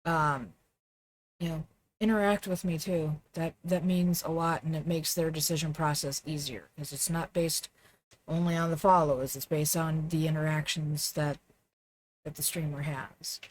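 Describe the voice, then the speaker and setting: A woman's voice: low voice, fairly even intonation, normal speed. A woman chatting casually to viewers on a live game stream, self-deprecating and full of fillers.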